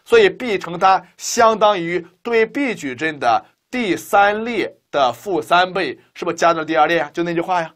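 In a bright, high, animated voice, a man teaches linear algebra at a moderate pace with hardly any pauses. As a math teacher, he leads students step by step and peppers them with rhetorical questions.

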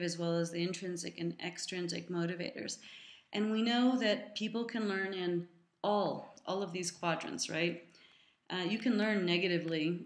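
A woman's voice: fairly low pitch, roomy sound. A middle-aged woman giving an educational talk to an audience, conversational with many fillers and asides. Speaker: lecturer.

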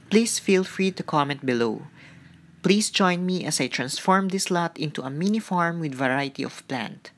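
Low-voiced woman vlogging from a farm. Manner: friendly, explanatory. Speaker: gardening vlogger. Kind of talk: casual vlog narration.

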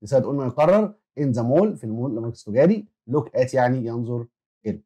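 A male English teacher with an Egyptian Arabic accent runs a children's lesson at a rapid clip. His voice is dark and mellow. He drills vocabulary, waits for the pupils to repeat, and keeps tossing questions at them. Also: mid-range voice, expressive. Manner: quick, repeats words for pupils to echo and asks them questions. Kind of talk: classroom lesson explanation.

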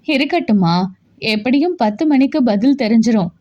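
A woman's voice: fairly high pitch, animated, moderate pace, warm tone, lo-fi sound. A woman voicing an injured young adult son who talks plainly and teases his mother lightly in a storybook reading. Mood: casual, teasing. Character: young adult man, injured son, moody then teasing.

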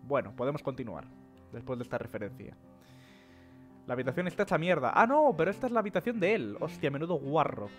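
Sarcastic, foul-mouthed streamer. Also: male voice, fairly high pitch, sing-song, quick pace, faint music behind. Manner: joking, sarcastic, swears freely, narrates and mocks on-screen characters. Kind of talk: casual gameplay commentary.

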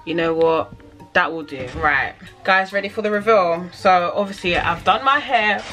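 A woman's voice: fairly low pitch, normal speed, sharp tone, soft background music. A young woman with a London accent chatting casually in a vlog, slangy and swearing freely. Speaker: vlogger. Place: home kitchen.

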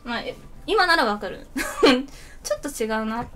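A woman in her twenties, a streamer telling a story in casual chat, animated and often laughing. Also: high voice, a little slow.

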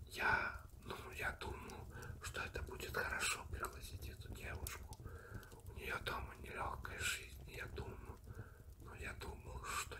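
Casting: ASMR audiobook reader, soothing gentle whisper throughout, breathy and unvoiced, recorded a little away from the mic. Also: distant mic. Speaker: audiobook reader and channel host. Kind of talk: soft whispered ASMR storytelling, reading a story aloud.

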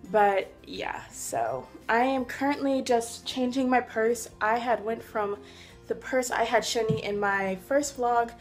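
A young woman talking casually to the camera in a vlog, chatty and rambling with fillers. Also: mid-range voice. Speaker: vlogger.

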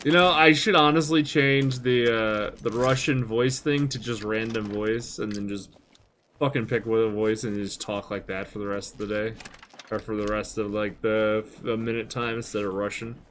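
A man's voice: on the low side, steady tone, normal speed, a bit bright, a little hiss or hum. A man in his thirties hosting a let's play, joking crudely and rambling as he plays. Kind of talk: casual gameplay chat.

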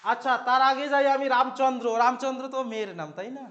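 A man's voice: very high voice, quick pace, a bit bright, highs cut off. A man with a Bengali accent teaching a Sanskrit translation lesson, asking questions and answering them himself and repeating the key words. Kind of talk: classroom lesson explaining translation.

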